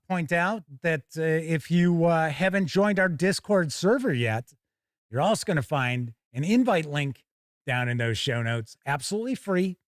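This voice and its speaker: Hosting a casual YouTube live stream, a man from the United States talks in a colloquial way, stressing his words, his voice sitting fairly high. The audio is close and dry with no echo.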